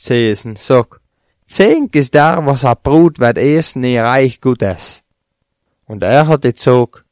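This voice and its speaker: A man reading a Bible chapter aloud in a steady, plain voice, lifting slightly on quoted speech. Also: medium pitch, no echo, studio quality. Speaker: scripture reader.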